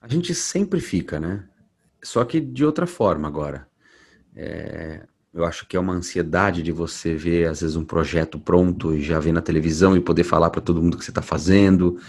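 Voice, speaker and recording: A man, a voice actor being interviewed, telling stories in a relaxed way from home. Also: deep voice, moderate pace, breathy edge. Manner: relaxed storytelling, many restarts. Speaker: voice actor guest. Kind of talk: casual interview talk. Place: at home at night.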